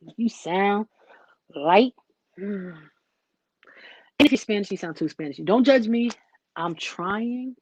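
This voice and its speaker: A woman chatting casually into the camera, telling an animated story full of "like" and asides. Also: sits low, dry recording, lo-fi sound. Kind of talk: casual vlog chat.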